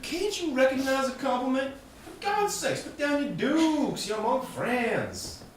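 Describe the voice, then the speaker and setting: An actor playing an arch, mock-grand younger brother with a Southern accent. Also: male voice, extremely high pitch, sing-song, a little slow, heavily acted. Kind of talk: film drama dialogue. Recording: roomy distant mic, faint hiss.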